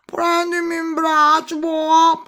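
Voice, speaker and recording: A woman voicing a big, cheeky male toad who croaks between his words in a storybook reading. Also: high-pitched, slow, pitched above the performer's own voice. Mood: insistent. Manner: breaks lines with a croaking "boh".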